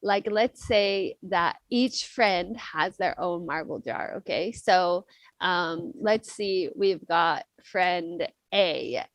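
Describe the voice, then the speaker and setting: A woman's voice: fairly low pitch, no echo. A young woman chatting as a guest on a podcast, rambling and playful, with lots of fillers and little acted voices. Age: young adult. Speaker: podcast guest, club member. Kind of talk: casual podcast chat.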